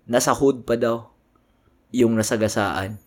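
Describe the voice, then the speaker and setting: A podcast co-host with a mid-range, darkish voice chats unhurriedly in slangy mixed Tagalog and English, swearing often and laughing easily.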